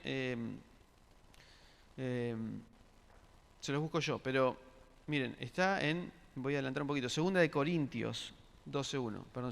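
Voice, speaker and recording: A man's voice: mid-range voice, creaky, a bit bright. A man preaching a sermon in a church, asking the congregation questions and repeating words as he searches for them. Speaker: pastor. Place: church hall. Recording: church hall reverb.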